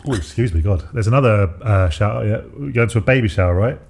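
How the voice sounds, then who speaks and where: Deep-voiced man chatting casually. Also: fast talker, creaky, darkish tone. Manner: rambling, hesitant, with many fillers. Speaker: podcast co-host. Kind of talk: casual chat.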